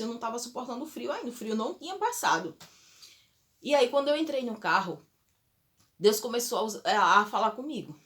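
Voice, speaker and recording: A woman's voice: mid-range voice, a bit bright. Woman, personal religious testimony, emotional, earnest, speaking to viewers. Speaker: churchgoer giving a testimony.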